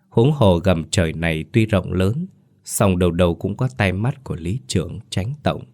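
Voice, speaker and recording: Deep-voiced solemn male storyteller. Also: darkish tone, dry recording, studio quality. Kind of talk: scripted audiobook narration of a ghost story.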